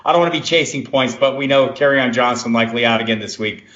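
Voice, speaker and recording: Male podcast host, bright voice in a roomy space, lo-fi sound, runs the segments. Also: medium pitch, quick pace. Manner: steers the talk, hands off to guests. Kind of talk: casual podcast chat.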